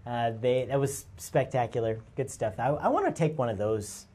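Midwestern male local TV host, husky voice, lively rising and falling delivery, upbeat and goofy. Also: medium pitch, moderate pace. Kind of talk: live parade commentary. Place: TV studio overlooking the street.

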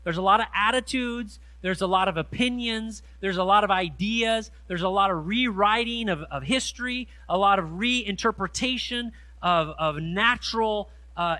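A middle-aged man preaching a sermon in a church, reading scripture slowly and stressing key words with earnest emphasis. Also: high voice, pushed and bright, no echo. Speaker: pastor. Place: church sanctuary. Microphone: handheld mic.

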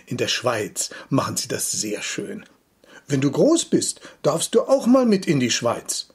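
A man's voice: mid-range voice, huge pitch swings, measured pace, darkish tone, breathy edge, heavily acted. A man voicing a pompous, impatient father who lectures and brushes off his son. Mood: lecturing impatient. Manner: condescending explanations, brusque orders.

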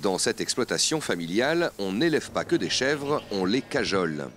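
A man reading scripted news narration as a reporter, with an expressive delivery. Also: on the low side, moderate pace, a little hiss or hum.

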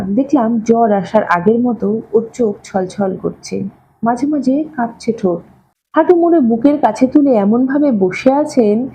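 A woman's voice: on the high side, slight background noise, low-quality recording. A woman reading a Bengali short story aloud, narrating and voicing a husband and wife in dialogue. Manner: voices the husband and wife dialogue with lively shifts. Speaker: story reader. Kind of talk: scripted audiobook narration.

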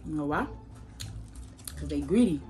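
A woman's voice: low voice, expressive, normal speed, dark tone. A young adult woman talking casually and slangily to viewers with food in her mouth, chewing while she talks. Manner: slangy, informal, addresses viewers as bro and y'all. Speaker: mukbang vlogger. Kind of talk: casual chat while eating. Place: small room at home, indoors.

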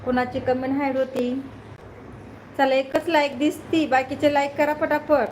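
A woman with a high voice hosts a casual live stream from her phone. She talks loudly, welcoming viewers one after another. The recording carries clear background noise. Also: level tone, unhurried, poor audio. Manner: loud, greets viewers by name, keeps asking if she is heard. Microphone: phone held close.

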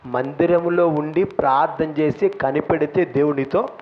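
A male pastor preaching a sermon in a church, impassioned, swinging between shouting and soft asides. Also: fairly high pitch, moderate pace. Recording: dull lo-fi recording, faint room noise.

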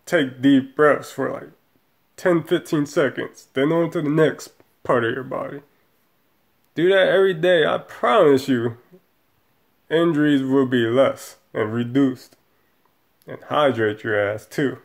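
Slow, gravelly man ranting about football. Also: medium pitch. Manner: profane, frustrated, rambling. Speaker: sports fan vlogger. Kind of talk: casual post-game rant. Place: small room indoors.

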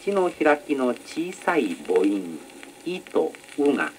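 Older-record male instructor, lively pitch, polite formal lecturing, faint hiss. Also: takes it slowly, rough recording. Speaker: announcing instructor. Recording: old record with faint noise.

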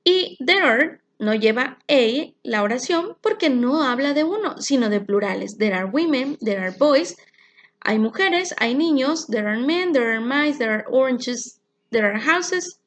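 A woman teaching an English grammar lesson, explaining rules slowly and clearly and reading example sentences. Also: sits high, animated, a bit bright. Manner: clear, slow explanations with spelled-out endings.

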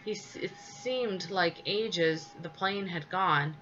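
Woman storybook reader, measured and expressive, slightly dull recording. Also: fairly low pitch, soft background music. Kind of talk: reading a children's story aloud. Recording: slightly dull with faint hiss.

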